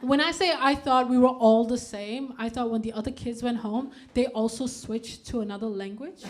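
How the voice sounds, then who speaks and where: On a comedy club stage, a woman from Denmark in her thirties delivers her stand-up in a deadpan style punctuated by punchy outbursts. She talks at a moderate pace with a fairly high pitch.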